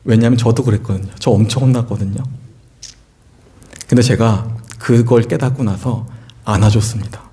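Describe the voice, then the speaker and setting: A man's voice: normal speed, pauses often. A man in his forties, a pastor, telling a personal family story in a sermon to his church, asking the congregation questions as he goes. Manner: earnest storytelling, rising pitch when excited, asks the congregation questions. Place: church sanctuary.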